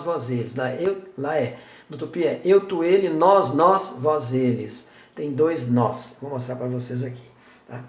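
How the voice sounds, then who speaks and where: A man teaching in a relaxed, chatty way, drilling words by saying them over and over for his viewers. His voice sits a little high for a man. The sound bounces around the room he records in. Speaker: Tupi language teacher. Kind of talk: casual video lesson. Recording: echoey room.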